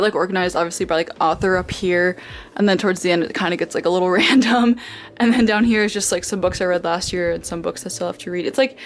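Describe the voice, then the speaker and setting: This is a young woman's casual vlog chat recorded at home in her bedroom, medium in pitch with slight background noise. She comes across as bubbly and talkative, leaning heavily on "like" and other fillers.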